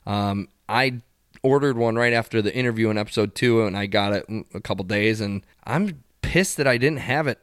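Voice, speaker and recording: A man's voice: fairly low pitch, normal speed, a bit bright, clear, resonant tone. A man co-hosting a casual podcast, laid-back and teasing. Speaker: podcast co-host.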